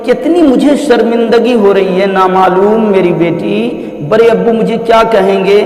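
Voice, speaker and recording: High-voiced man lecturing in an echoey hall. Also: moderate pace, a little mellow. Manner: lecturing, sarcastic, addresses listener as daughter. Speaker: Islamic cleric. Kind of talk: scolding rebuttal speech.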